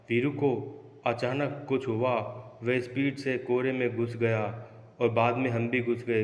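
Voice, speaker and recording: A man tells ghost stories in a measured, flat voice with a middle pitch. His words ring out in a roomy space with a long, hollow tail of reverb. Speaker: storyteller. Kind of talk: horror story narration. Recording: echoey room with long reverb.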